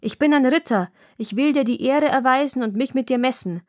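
A woman's voice: sits high, fairly quick, darkish tone, no echo, clean studio sound, voice pushed up, natural voice. A woman reading a storybook, voicing a brave young male knight who speaks with courtly boldness. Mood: heroic.

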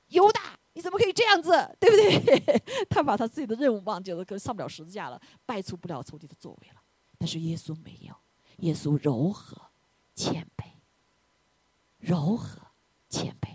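A woman preaching a sermon to her congregation with a husky, slightly breathy voice. Her pitch swings widely as she presses her listeners with repeated questions, and she sometimes sinks to a soft near-whisper for emphasis. The sound is dry and close. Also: fast talker, no echo. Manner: animated, keeps asking the congregation "right?".

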